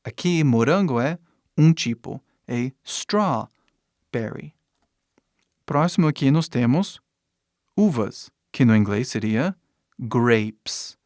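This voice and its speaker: Slow, patient male language teacher. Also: mid-range voice, lively intonation, a little mellow, dry recording, clean studio sound. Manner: patient, repeats words slowly and adds little checks of understanding. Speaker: English teacher. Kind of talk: vocabulary lesson explaining words and pronunciation.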